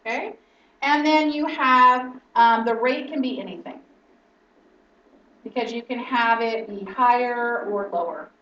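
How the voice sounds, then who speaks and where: Higher-voiced woman teaching in an echoey room. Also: a little slow, fairly bright tone. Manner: explanatory, checks in with frequent "okay?". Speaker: instructor. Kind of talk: lecture-style teaching. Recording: roomy, distant, dull lo-fi sound.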